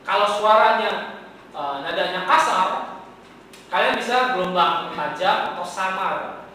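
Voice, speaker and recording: Guy teaching a class, high bright voice, chatty, keeps asking the students stuff, big echoey room, mic far off. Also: measured pace, slight background noise. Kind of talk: classroom lecture.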